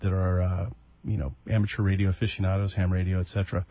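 A man's voice: sits low, level tone, quick pace, highs cut off. Rambling male radio host on AM radio. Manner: casual and rambling, with frequent fillers and restarts. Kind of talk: live radio talk show hosting. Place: radio studio.

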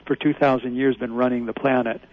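His mid-range voice stays steady and fairly quick as he phones in to a radio show, pressing his theory earnestly and insistently. The audio is a dry, muffled phone line with no echo.

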